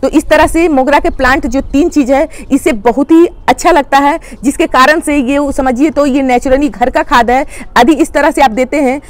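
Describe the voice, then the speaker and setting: A woman hosting a gardening channel, calmly explaining plant care step by step and addressing viewers as friends. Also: high voice, normal speed, hardly any pauses. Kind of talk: instructional how-to talk.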